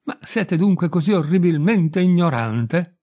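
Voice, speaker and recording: A man's voice: a little high, expressive, unhurried, darkish tone, pitched above the performer's own voice. A man voicing a jittery, bossy lightning-rod salesman. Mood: alarmed. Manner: alarmed and commanding. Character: pushy, fearful male lightning-rod salesman. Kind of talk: audiobook reading.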